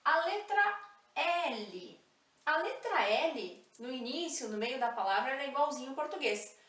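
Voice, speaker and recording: A woman teaching a language lesson, speaking slowly and clearly, repeating example words and spelling out sounds. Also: sits high, animated, a bit bright, reverberant, recorded from a distance. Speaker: Spanish teacher.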